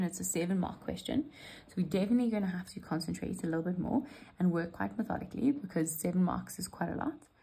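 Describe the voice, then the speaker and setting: Woman, maths teacher, husky, patient and reassuring. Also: lowish voice, darkish tone, low-quality recording. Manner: reassuring, patient, talks to students directly. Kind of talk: step-by-step exam walkthrough.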